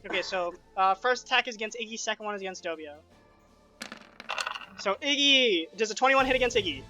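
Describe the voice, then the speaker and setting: A man's voice: sits high, over music. A man acting as game master, calling rolls and damage and narrating the action in bursts. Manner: quick rules talk broken by animated narration.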